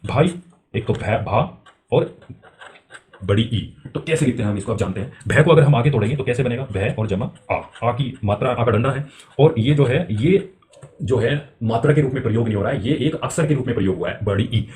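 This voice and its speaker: Male teacher, mid pitch, patient question-and-answer delivery for beginners. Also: fast, darkish tone. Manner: step-by-step explaining, asks and answers himself; repeats filler phrases, drags out spelled letters. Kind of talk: spoken-English lesson for beginners.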